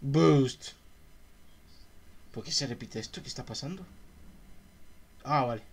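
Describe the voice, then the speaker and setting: A man's voice: medium pitch, lively intonation, normal speed, fairly bright tone, breathy edge. Chatty man musing on a stream. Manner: reads passages aloud then muses with chat in a chatty, questioning way. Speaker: streamer reading philosophy. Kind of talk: casual reading and commentary on a livestream.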